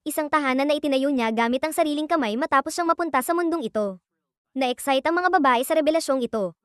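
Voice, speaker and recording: A woman narrating an anime recap in a steady, scripted storytelling read. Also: high voice, dry recording, studio quality.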